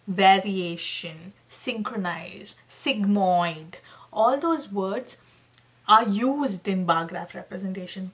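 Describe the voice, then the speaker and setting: A young woman with a mid-range, slightly bright voice runs a channel and gives exam tips in a casual tutorial to camera. She's animated and emphatic, often calling viewers "guys" and checking in with "okay."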